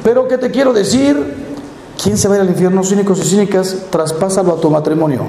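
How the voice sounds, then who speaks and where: Mexican priest, fifties, mellow warm voice, animated storyteller, roomy hall sound. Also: male voice, high-pitched, fast, slight background noise. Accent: Mexican Spanish. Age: 50s. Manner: lively storytelling, acting out voices, rhetorical questions. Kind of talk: conference talk to a live audience.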